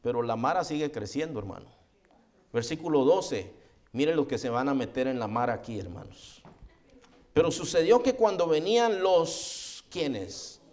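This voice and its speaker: Animated pastor preaching. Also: male voice, moderate pace. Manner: animated, often addressing listeners as "hermano"; acts out quoted voices with rising pitch. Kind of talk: sermon.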